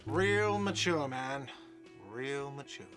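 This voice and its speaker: A man's voice: mid-range voice, lively intonation, takes it slowly, a bit bright, faint music behind. A man voicing a whiny, defensive diner owner in a video game. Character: whiny touchy male diner owner, adult.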